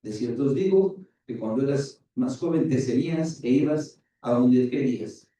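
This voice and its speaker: A man preaching a sermon as pastor, retelling scripture with lively acted-out dialogue. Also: mid-range voice, moderate pace. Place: church. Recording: very echoey church hall, distant mic.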